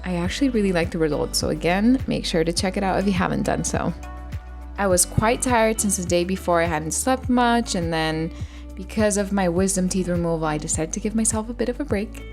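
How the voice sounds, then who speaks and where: A woman's voice: on the low side, a little fast, a little mellow, soft background music. A young woman talking casually and informally about her days in a chatty, self-deprecating vlog style. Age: young adult. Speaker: vlogger. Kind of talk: casual vlog narration and chat.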